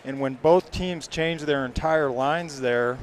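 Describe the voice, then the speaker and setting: Fast-talking male hockey play-by-play caller. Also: on the high side, a little hiss or hum. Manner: rapid play-by-play, names each pass. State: hiccups. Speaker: play-by-play commentator.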